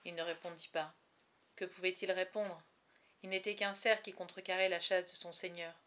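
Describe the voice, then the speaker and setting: A woman reading a novel aloud chapter by chapter, with expressive, dramatic storytelling. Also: on the low side, moderate pace. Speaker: reader.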